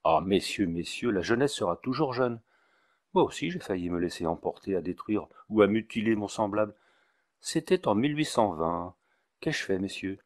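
A man's voice: lowish voice, darkish tone. Man reading a fussy, wordy village doctor. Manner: wordy, ceremonious, preachy. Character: fussy, long-winded village doctor, middle-aged man.

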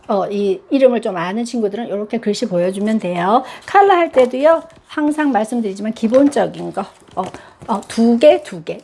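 A woman explaining children's English activities to parents in a chatty instructional style, switching into a high sing-song voice for the drills. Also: warm tone. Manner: chatty, gives advice to parents. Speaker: English teacher for young children.

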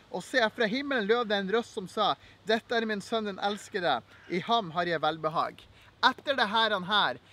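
Man, young adult, Norwegian accent, very high pitch, bright forceful tone, earnest devotional teaching. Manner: earnest, encouraging, reads scripture aloud. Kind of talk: devotional Bible teaching video.

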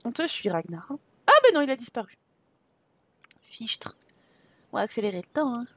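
A woman's voice: on the high side, big pitch swings, moderate pace, sharp tone, dry recording. A woman hosting a gaming video, chatting playfully and reading in-game dialogue aloud from a close microphone. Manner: chatty and playful, reacting with laughs and asides. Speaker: gaming channel host.

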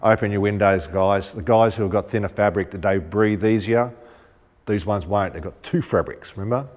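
With a lowish, slightly mellow voice at normal speed, this man demonstrates rooftop tent fittings as a shop presenter. He talks casually and practically, thinking aloud with frequent ums, amid long warehouse reverb and faint music.

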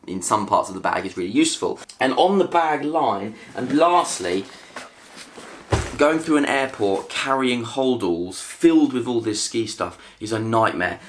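The speaker is a British family vlogger in his thirties, talking through a product haul from his living room sofa. His mid-range voice has a fairly bright tone, and his manner is chatty and cheerful, with laughs between items. Recorded on a camera on a tripod in front of him, the audio carries slight background noise.

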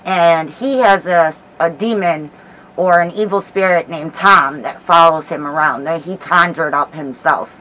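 A middle-aged American woman giving a casual vlog update in a hesitant, halting way while feeling sick with a headache. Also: low voice, bright, forceful tone, rough recording. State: unwell with headache and nausea. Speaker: paranormal vlogger. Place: small dim bedroom, indoors. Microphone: camera mic at about arm's length, through a cloth face mask.

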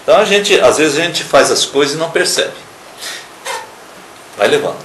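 A man preaching a sermon on a local television program, emphatic, swinging between loud stressed words and quiet asides. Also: a little high, sing-song, normal speed, roomy sound, slight background noise, rough recording.

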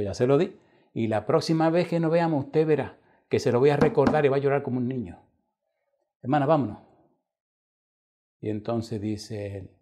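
A male pastor preaching a sermon, telling a story and acting out the voices of the people in it. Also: medium pitch. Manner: dramatic, shifts between loud and hushed quoted voices. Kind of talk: sermon with acted-out anecdotes.

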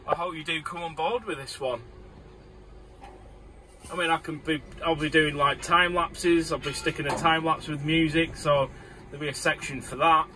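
Northern lad from morecambe vlogging from his crane cab, chatty, rambly, bit of a higher voice. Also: background noise. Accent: northern English, Lancashire. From Morecambe, northern England. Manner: chatty and rambling, with easy chuckles. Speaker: tower crane operator. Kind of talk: casual vlog commentary. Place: inside a tower crane cab high above a site.

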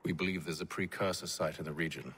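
An actor playing a brisk, commanding expedition leader in a video game. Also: male voice, sits low, a bit bright, a little hiss or hum.

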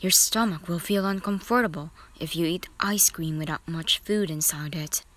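A woman's voice: fairly low pitch, normal speed, a bit bright, voice pushed down, close to an everyday voice. A woman voicing a cocky, teasing teenage boy in a whispered role-play, bossing the listener around.

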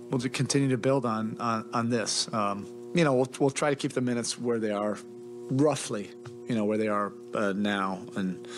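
A middle-aged man answers reporters after a game, his lowish voice picked up by a table mic in a press room. He talks in a measured, halting way, with many fillers and restarts, and a little music sits faintly behind him. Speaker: head coach. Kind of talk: postgame press conference.

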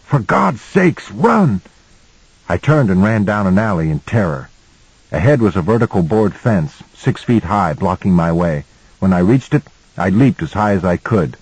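A male audiobook narrator telling a first-person story in a measured way. His voice sits very low with a husky edge. The recording is close and dry. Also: darkish tone, no echo, poor audio.

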